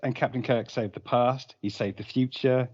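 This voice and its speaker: A podcast co-host with a husky voice, who stumbles and repeats himself as he makes his point. The recording sounds dull and lo-fi. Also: medium pitch, steady tone, moderate pace, darkish tone. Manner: hesitant, repeats words as he argues. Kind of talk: casual chat.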